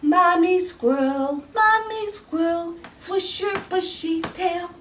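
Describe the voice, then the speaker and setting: Woman as a gentle mommy squirrel, soft high singing, distant mic. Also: slow, full character voice. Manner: sung higher and softer. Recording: roomy, distant mic, faint noise.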